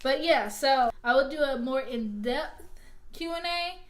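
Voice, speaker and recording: A woman's voice: sits high, animated, unhurried. Chatty young woman vlogging. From Alabama, US South. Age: young adult. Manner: chatty, rambling, talks straight to viewers. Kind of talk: casual unboxing vlog and Q&A.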